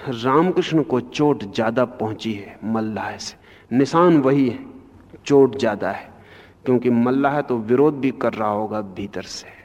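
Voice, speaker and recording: A man giving a spiritual discourse, speaking slowly and with emphasis, his voice rising sharply on key points, in a lo-fi archival recording. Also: medium pitch, darkish tone. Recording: lo-fi archival recording in a long-reverb hall.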